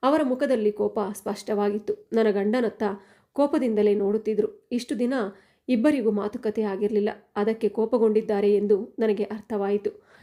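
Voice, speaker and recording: Woman, storyteller, mellow warm tone, steady first-person narration. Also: mid-range voice, moderate pace.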